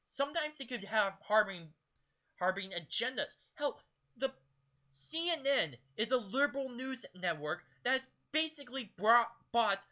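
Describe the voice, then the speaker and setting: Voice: mid-range voice, animated, moderate pace, bright, forceful tone, lo-fi sound. A young adult political vlogger who reads passages from a book aloud and comments on them in an opinionated, emphatic way, often stumbling over words.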